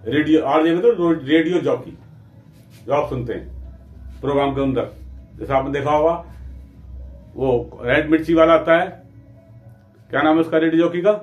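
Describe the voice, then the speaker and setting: A man teaching a physics lesson. His voice is a little high, and he keeps asking questions and answering them himself. It is recorded in a roomy, echoing space with faint music behind. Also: moderate pace, pauses often, lo-fi sound.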